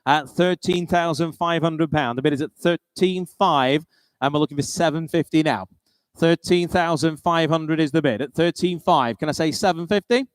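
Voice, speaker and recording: Running a live auction, a British man calls out bids in the smooth patter of a practised auctioneer, speaking at normal speed. For a man his voice is a little high, and it comes across clear and smooth. The recording is close, dry and free of room echo.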